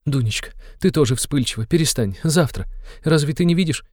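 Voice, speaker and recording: A man reading an audiobook, voicing a timid, tearful elderly mother in a high, quavering, pleading voice. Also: fairly quick, mellow, no echo, clean studio sound, close to an everyday voice. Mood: pleading, fearful. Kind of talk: audiobook character voice.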